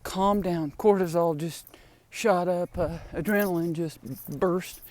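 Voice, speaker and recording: A woman's voice: on the low side, a little slow, darkish tone. An older woman telling rambling stories about her family and pets in a chatty way, with laughs and sighs, walking outside in the wind. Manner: chatty, laughing, sighing asides. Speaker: vlogger. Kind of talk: rambling personal storytelling. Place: outdoors in wind, walking home with groceries.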